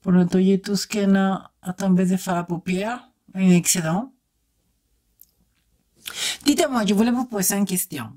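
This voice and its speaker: With long pauses and an unhurried pace, a woman vlogger talks her viewers through a makeup tutorial, speaking to them directly while she works and letting out enthusiastic exclamations. Her voice is medium-pitched with a dark tone.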